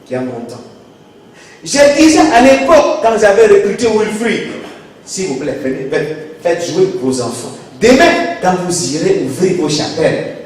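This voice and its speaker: A man's voice: a little high, a little mellow. A man preaching a sermon as pastor, emphatic and given to repeated rhetorical questions. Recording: echoey hall, voice far from mic.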